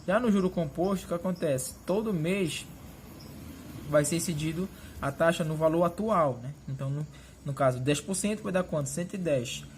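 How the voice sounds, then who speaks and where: A male math teacher explains each step of a lesson, pointing at the board and asking quick check-in questions. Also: on the high side, a little hiss or hum.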